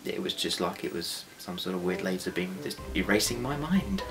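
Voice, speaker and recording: Ein junger britischer Mann, Mitschöpfer einer selbstgedrehten Serie, plaudert scherzhaft und selbstironisch im Interview. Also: male voice, sits low, lively intonation, moderate pace. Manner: joking, self-mocking. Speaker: co-creator and actor of a home-made series. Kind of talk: casual interview chat. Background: guitar music.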